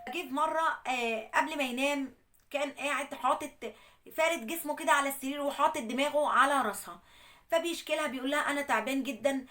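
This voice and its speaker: Egyptian woman host, high voice, rapid animated storytelling that slips into quoted dialogue. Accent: Egyptian Arabic. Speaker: host retelling a viewer's problem. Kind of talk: storytelling monologue.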